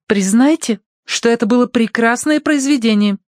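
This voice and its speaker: Man doing a shrill haughty young lady. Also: normal speed, no echo, studio quality. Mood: imperious. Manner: shrill, commanding, indignant.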